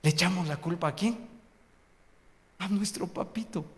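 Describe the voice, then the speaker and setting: In a church hall whose long echo comes through in the recording, a missionary with a voice that sits high delivers a fervent sermon at a moderate pace. He keeps asking the congregation rhetorical questions.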